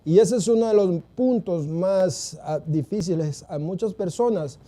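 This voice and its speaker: A man co-hosting a church TV program, speaking haltingly in a devotional talk, often affirming with amen. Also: high-pitched, warm tone. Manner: affirming, halting, with frequent amens. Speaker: church TV co-host.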